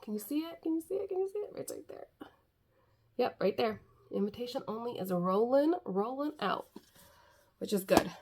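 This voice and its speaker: A middle-aged woman vlogging casually about her eyeshadow palettes, chatty and rambling, with lots of fillers. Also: mid-range voice. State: a little winded. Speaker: beauty vlogger. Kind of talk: casual makeup chat.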